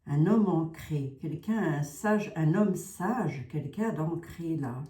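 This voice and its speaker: Chatty low-voiced woman with a Lorraine accent. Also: animated, slow, mellow, echoey room. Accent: Lorraine French. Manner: chatty, asks questions aloud, hedges with "hein". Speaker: psychic card reader. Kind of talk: live tarot and oracle reading.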